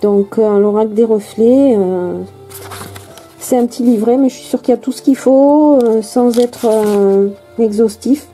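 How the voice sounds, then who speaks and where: French woman card vlogger, dark mellow higher voice, halting casual chat, soft music behind. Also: low-quality recording. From France. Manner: hesitant, many fillers and restarts. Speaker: tarot and oracle card vlogger.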